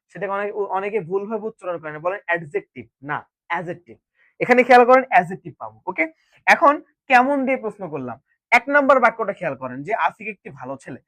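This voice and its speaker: Male English teacher, quick high delivery, dry close sound, quizzes viewers. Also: fairly bright tone, no echo. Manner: repeats questions to viewers and answers them himself. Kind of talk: classroom-style grammar lesson.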